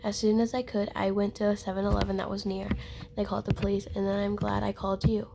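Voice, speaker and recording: Young runaway girl, earnest, pleading, woman's gravelly plain voice. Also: mid-range voice, completely flat delivery, quick pace, background noise, lightly acted. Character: frightened young girl escaping kidnappers.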